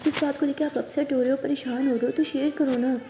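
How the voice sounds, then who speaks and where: Brief: woman storyteller, high, mellow, chatty, echoey room. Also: steady tone, fast, highs cut off, slight background noise. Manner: chatty, conversational. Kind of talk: casual storytelling narration.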